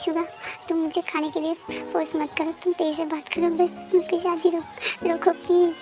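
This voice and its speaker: A woman's voice: very high voice, little pitch movement, moderate pace. A woman voicing a heartbroken young man who pleads despairingly, with music under the voice. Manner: sobbing, despairing pleas. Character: heartbroken young man begging to stop a wedding.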